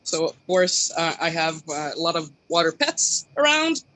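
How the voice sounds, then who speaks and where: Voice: medium pitch, very animated, normal speed, pushed and bright, a little hiss or hum, low-quality recording. A person from Quebec giving a casual, hesitant live tour of a home workshop, speaking informally as a hobby sculptor. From Quebec, Canada. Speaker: hobby sculptor streamer showing work. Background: bubbling aquarium water, passing truck.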